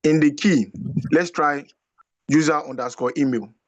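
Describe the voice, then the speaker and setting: A man instructing a class over a video call, guiding slowly with hesitant, repeated phrases. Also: a little high, no room sound, highs cut off. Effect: heard over a video call. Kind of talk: live online class.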